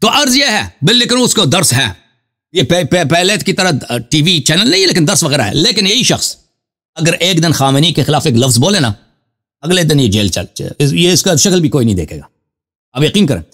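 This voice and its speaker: A man gives a fervent religious talk in a fairly high voice. His pitch leaps up and down as he drives each point home. He repeats himself for emphasis and calls out to his listeners as brothers. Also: sing-song, a bit bright. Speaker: Shia cleric answering a question.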